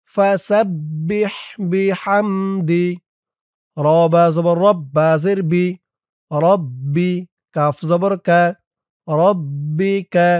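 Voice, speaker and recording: A man teaching Quran reading, spelling each word out letter by letter and then reciting it in a slow, drawn-out melodic chant. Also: fairly high pitch, darkish tone, no room sound, studio quality. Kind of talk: spelling out and slowly reciting a short surah.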